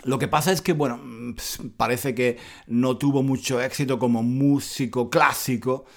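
A middle-aged man from Spain hosting a casual podcast lesson, explaining words slowly and repeating them for learners, often breaking into laughter. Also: mid-range voice, fairly even intonation, creaky. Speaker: Spanish teacher podcast host.

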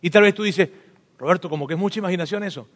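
A man preaching to parents, animated and often acting out talks with his children, repeating words for emphasis. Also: high-pitched, racing. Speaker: pastor. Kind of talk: sermon to parents. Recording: long echo of a hall.

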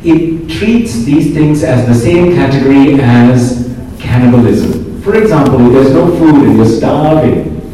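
Male friar, from Singapore, chatty lecturer who keeps asking "okay?"; warm low tone, booming roomy echo. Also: a little slow, slight background noise. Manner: conversational, checks in with "okay?", dry jokes. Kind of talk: informal lecture to a group. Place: large room in a pilgrim house. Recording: very echoey hall, distant mic.

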